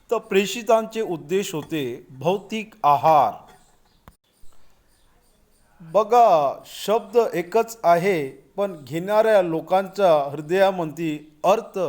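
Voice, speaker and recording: A man giving a Bible commentary sermon, explaining verse by verse in a deliberate way with occasional restarts, and addressing listeners as brothers and sisters. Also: high voice, darkish tone.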